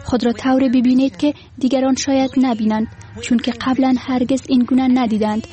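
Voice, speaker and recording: Mellow woman doing voice-over translation. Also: high-pitched, level tone, faint music behind.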